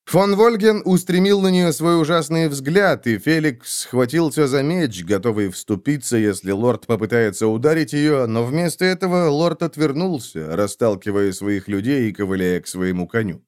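A man reading an audiobook in steady, scripted narration. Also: mid-range voice, normal speed, hardly any pauses, clear, resonant tone, dry recording, clean studio sound.

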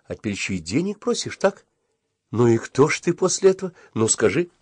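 A man's voice: big pitch swings, a little fast, darkish tone, husky, no room sound. A man reading an audiobook and voicing an anxious, pleading schoolboy in a raised voice. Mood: indignant. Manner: high, pleading, near tears. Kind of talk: audiobook character voice.

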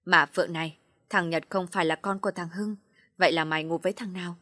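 A woman voicing a blunt old aunt from a storybook, who snaps and scolds in a husky, breathy voice. The reading is close and dry, with no room sound. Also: lowish voice, steady tone, fast, fairly bright tone, no echo. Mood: gossiping. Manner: harsh, scolding.

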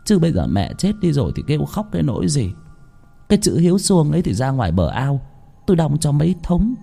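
A man's voice: fairly high pitch, big pitch swings, fast, creaky, warm tone, husky, soft background music, pitched above the performer's own voice, heavily acted. Man doing a nagging village wife. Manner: nagging, grumbling. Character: scolding peasant wife, sharp-tongued woman.

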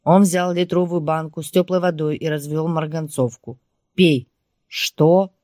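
A woman's voice: deep voice, steady tone, moderate pace, dark tone, no echo, studio quality. Woman narrating an audiobook. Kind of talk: first-person audiobook narration.

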